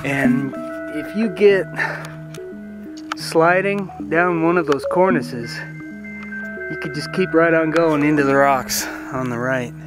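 A middle-aged man casually narrating his backcountry trip outdoors, talking to a handheld camera in an easy, unhurried way with fillers. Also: on the high side, low-quality recording. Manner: relaxed, unhurried running commentary with fillers. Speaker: hiker filming his own trip. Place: outdoors on a snowy mountain ridge. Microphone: handheld camera at arm's length. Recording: background music over the voice.

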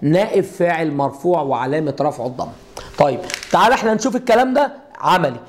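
A man's voice: on the high side, animated, quick pace. A middle-aged man with an Egyptian accent, teaching Arabic grammar at a board and explaining step by step with repeated rhetorical questions to his students. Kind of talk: classroom lesson at a whiteboard.

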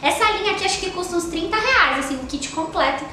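Young Brazilian beauty vlogger, chatty and effusive, sharp bright tone, faint hiss behind her. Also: very high voice, expressive, fast talker. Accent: Brazilian Portuguese. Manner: chatty, gushing, lots of fillers like "tá?" and "ó". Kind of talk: casual product review. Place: small indoor room with a sofa. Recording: very echoey room with faint noise.

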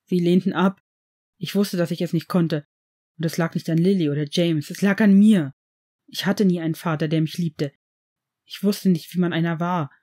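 A woman's voice: lowish voice, fairly even intonation, normal speed, warm tone, close to an everyday voice. A woman reading the part of a stern male potions master, desperate and guilt-ridden, pleading in an audiobook of fan fiction. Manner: pleading, raised in anguish.

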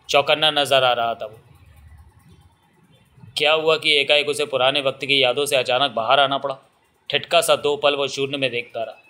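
Bright-voiced male audiobook narrator. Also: medium pitch.

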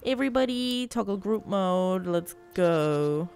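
A woman's voice: mid-range voice, animated, measured pace, darkish tone. A woman giving casual, teasing commentary while playing a role-playing game, grumbling and swearing at her party. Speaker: gameplay video host. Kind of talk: casual let's-play commentary. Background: game music.

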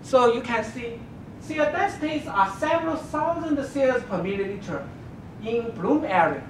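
A woman giving an academic thesis defense presentation, explaining step by step in a halting way. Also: animated. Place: dark lecture room with projection screen. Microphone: distant camera microphone. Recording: distant, echoey room recording with rumbling noise.

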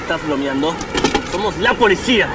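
An actor playing a cocky rebel cop in a parody of dubbed cop shows, brash and mock-casual. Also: male voice, on the high side, expressive, moderate pace, very noisy, natural voice. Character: cocky rebel male cop bullying a delivery boy. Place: in a car on a street.

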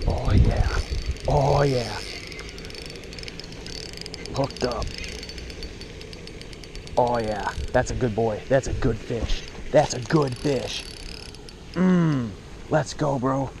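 A young fishing vlogger films himself bass fishing by a suburban pond on a head-mounted action camera. He talks extremely slowly with long pauses amid background noise, yet his commentary comes in excited, slangy bursts, calling viewers bro and dude.

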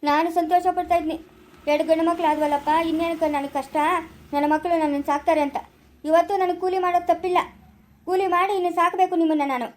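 A woman's voice: extremely high pitch, steady tone, fast talker. A woman with a Kannada accent, acting in a family drama, lamenting and reproaching her sons. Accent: Kannada from Chikkaballapura.

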